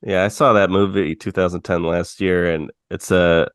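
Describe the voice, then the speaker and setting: A man with a very deep, smooth voice co-hosts a film podcast. He chats casually, scatters filler likes through his sentences, and sounds close and dry on the mic. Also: steady tone, moderate pace, dry recording. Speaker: podcast co-host. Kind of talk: podcast conversation.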